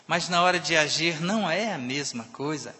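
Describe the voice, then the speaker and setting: A man preaching a sermon in a church, emphatic, swinging between loud and soft passages. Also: fairly high pitch, expressive, normal speed. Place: church sanctuary. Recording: long reverb of a church hall.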